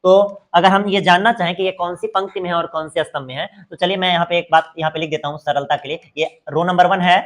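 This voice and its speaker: A man's voice: sits high, steady tone, quick pace, hardly any pauses, fairly bright tone. A man teaching a math lesson, asking questions and answering them himself, repeating the key words. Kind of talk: exam-prep math lesson.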